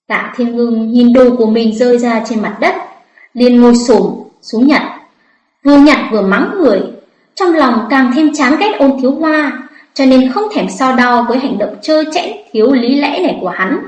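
Woman narrating a story, roomy echo. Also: fairly high pitch. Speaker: audiobook narrator.

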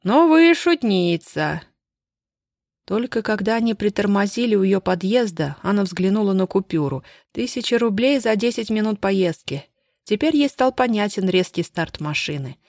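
An audiobook narrator reading a thriller in a steady, measured way. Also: mid-range voice, dry recording, studio quality. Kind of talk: scripted narration.

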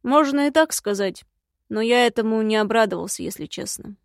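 A woman voicing a secretive, grumbling male imp in an audiobook, speaking slowly and gruffly. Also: fairly high pitch, lively intonation, no room sound, studio quality. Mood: glum.

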